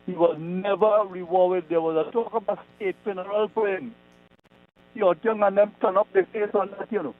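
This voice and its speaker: Man, high voice, emphatic, deliberate, clipped phone line. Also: fairly even intonation. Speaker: caller. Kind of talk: call-in radio chat.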